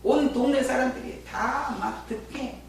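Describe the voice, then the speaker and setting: Woman pastor, lively storytelling sermon; distant mic in a booming church with faint hum. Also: measured pace, creaky, very echoey. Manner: lively storyteller who chats with the congregation. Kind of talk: sermon with personal testimony.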